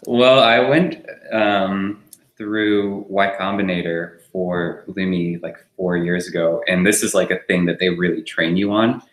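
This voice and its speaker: Deep-voiced easygoing man, relaxed talk. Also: measured pace, roomy sound. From France. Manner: easygoing, laughs often, rambles with fillers. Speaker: startup co-founder, guest. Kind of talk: relaxed conversational interview.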